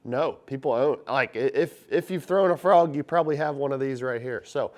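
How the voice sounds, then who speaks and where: A man hosting a fishing channel, talking to viewers in a casual, upbeat way. His voice is raspy and stuffed up from congestion. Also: mid-range voice, moderate pace, darkish tone. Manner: upbeat, chatty, talks straight to viewers. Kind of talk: casual instructional vlog.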